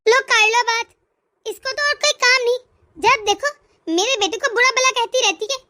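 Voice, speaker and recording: A woman voicing a harsh, taunting old mother-in-law in a cartoon, in a high, bright voice with a dry sound. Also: normal speed. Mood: scornful. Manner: taunting, scornful. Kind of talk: cartoon voice acting.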